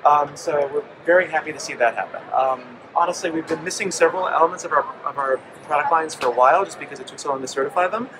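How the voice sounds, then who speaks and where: Talking fast with few pauses and a fairly high pitch, a forties-aged man representing his company explains its products, using lots of ums. The interviewer holds a handheld mic on the noisy floor of a busy indoor convention hall.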